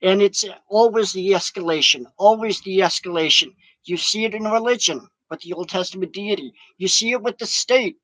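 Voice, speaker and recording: A man gives a rambling, profane vlog monologue outdoors in the wind. His voice sits high. The sound is dry and close. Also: normal speed, hardly any pauses, a bit bright, no room sound, poor audio. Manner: profane, ranting.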